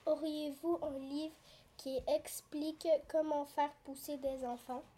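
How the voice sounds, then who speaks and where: A woman doing a slow, earnest little girl. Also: sits high, level tone, dark tone, a little hiss or hum, pitched above the performer's own voice. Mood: hopeful. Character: curious bookish little orphan girl. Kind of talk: storybook reading.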